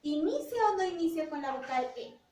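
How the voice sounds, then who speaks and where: A woman teacher leads young children through a phonics game, stretching each word out in a slow sing-song. Her voice sits high and swoops all over. It is recorded in an echoey room, a bit away from the mic. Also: sing-song, warm tone. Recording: roomy echo, voice from a distance.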